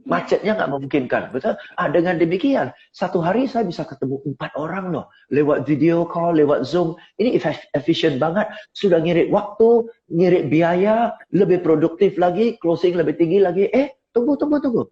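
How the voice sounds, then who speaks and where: A middle-aged man coaching on sales in a live online talk, lively and rhetorical, often asking listeners to agree. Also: fairly high pitch, normal speed, hardly any pauses, highs cut off. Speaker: seminar speaker and sales coach. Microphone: phone on a tripod.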